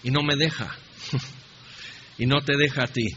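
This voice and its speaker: A man's voice: medium pitch, steady tone, normal speed, sharp tone, slight background noise. A man preaching a sermon in a conversational way with humorous asides. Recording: dull, slightly lo-fi recording in a reverberant hall.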